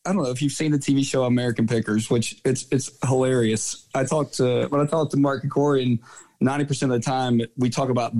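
A man's voice: medium pitch, fairly even intonation, fast talker, a little mellow. Rambling male guest full of fillers. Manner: rambling anecdotes full of fillers and self-corrections. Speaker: guest, soccer coach. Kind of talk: casual podcast interview.

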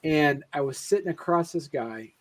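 Animated young man telling a story. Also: fairly high pitch, normal speed. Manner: animated storyteller, rambling restarts. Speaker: podcast co-host. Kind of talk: casual chat.

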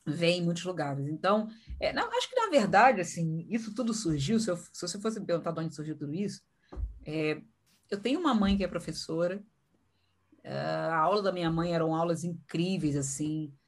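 A woman, a podcast host chatting casually and acting out lively voices when she quotes people. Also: lowish voice, a little fast. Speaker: podcast host and event presenter. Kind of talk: casual conversation.

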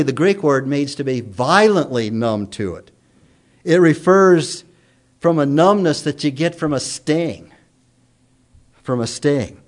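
A man preaching a sermon, stressing points by repeating phrases and slowing down on key lines. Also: fairly high pitch. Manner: emphatic repetition, slows down for key points. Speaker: pastor.

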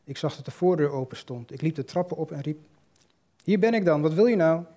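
A man's voice: fairly high pitch, fast, warm tone, slightly rough. A man voicing an indignant, headstrong young woman.

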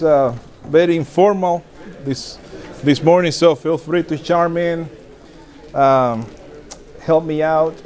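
Dominican pastor in his forties, mellow voice. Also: fairly high pitch. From Dominican Republic. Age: 40s. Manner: warm, self-deprecating, laughs often, frequent restarts. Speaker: pastor speaking to church leaders. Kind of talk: informal conference talk.

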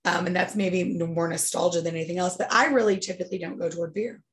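A woman's voice: fairly low pitch, fairly even intonation, quick pace. A woman from Wisconsin, a guest on a podcast, telling family anecdotes in casual chat. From Wisconsin, USA.

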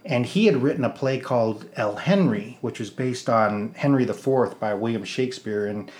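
A middle-aged American man, a theater producer and actor, speaks as an interview guest in a relaxed, rambling storytelling manner. His voice is medium in pitch and somewhat dark in tone, and he talks at a normal speed.

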